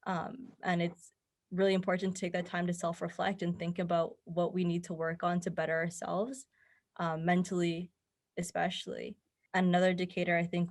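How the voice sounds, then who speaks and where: A young woman with a slightly low, creaky, somewhat mellow voice that barely shifts in pitch appears as a podcast guest and mental health advocate. She answers interview questions conversationally, giving earnest, encouraging advice.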